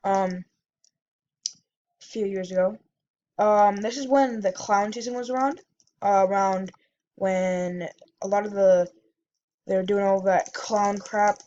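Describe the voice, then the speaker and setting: A woman's voice: medium pitch, a little mellow, dull audio, a little hiss or hum. A woman vlogger telling a story in a casual, rambling way, full of fillers and self-corrections.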